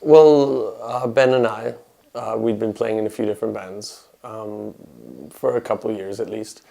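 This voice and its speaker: A man, a bass player, telling his story in a relaxed way with many fillers in a documentary interview. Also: normal speed, gravelly. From Canada. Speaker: bass guitarist.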